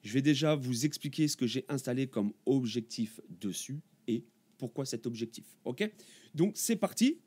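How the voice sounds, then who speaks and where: A man's voice: mid-range voice, expressive, normal speed, a little mellow, breathy edge. A man, a YouTuber, talking casually to camera about a camera from his home music studio, chatty and full of fillers and restarts.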